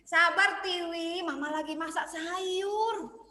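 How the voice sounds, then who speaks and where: A patient storybook mother calmly soothes her impatient child while she cooks, as a woman teacher voices her. The tone is bright and gentle. A long reverb trails after each phrase. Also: extremely high pitch, slow, pitched above the performer's own voice, heavily acted. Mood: soothing. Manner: calm, soothing. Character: patient busy mother cooking in the kitchen. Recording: echoey room with long reverb.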